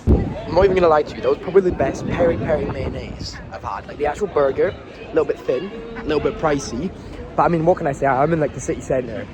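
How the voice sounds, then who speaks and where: Crowd noise surrounds this young Scottish vlogger, whose voice is a little high and whose pace is quick. He casually chats and rambles about his day trip, cursing now and then, while filming on his phone outdoors in a windy coastal town and on city streets, so the audio is noisy.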